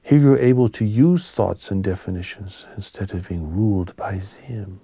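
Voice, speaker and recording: A male teacher gives a spiritual sermon, his soft voice on the low side and breathy as phrases wind down. The manner is calm, gentle and solemn, the phrasing short and measured, and the recording dry.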